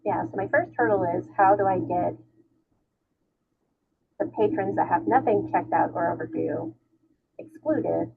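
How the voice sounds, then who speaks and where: A woman speaks on a video call through a bad microphone that makes her sound boxed in, as if talking from inside a tunnel. Her voice is thin and tinny, with a gravelly edge and faint hiss underneath. She lays out her problem step by step in an easygoing, slightly apologetic way. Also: medium pitch, unhurried, long pauses. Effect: muffled tunnel-like sound from a bad microphone. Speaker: library staff member asking a question. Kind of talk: casual online meeting question. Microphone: poor computer microphone on a video call. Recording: tinny, muffled call audio with faint noise.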